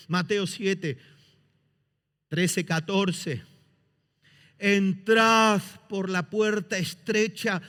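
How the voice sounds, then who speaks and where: High, bright-voiced preacher in an echoing hall. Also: male voice. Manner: impassioned preaching, mimics excuses and quotes scripture. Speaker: pastor. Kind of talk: sermon. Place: church sanctuary. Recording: reverberant church hall.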